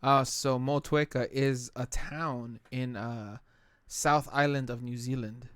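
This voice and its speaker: A man's voice: mid-range voice, steady tone, slow, a bit bright, clean tone, no room sound. Guy cohost stumbling over his words, lots of "you know", dry close mic, beer podcast chat. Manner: stammering, repeats words, hedges with "you know". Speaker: podcast co-host. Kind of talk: casual chat.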